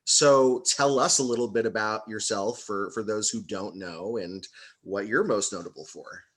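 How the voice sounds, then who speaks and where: A man's voice: lowish voice, normal speed, a bit bright, slightly rough. A man hosting a casual roundtable interview over a video call, friendly and rambling with frequent restarts. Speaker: podcast host.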